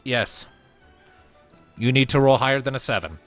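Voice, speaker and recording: A man with a medium-pitched voice runs a tabletop role-playing game as game master, talking at normal speed. He's chatty, animated, and full of fillers, with music playing behind him.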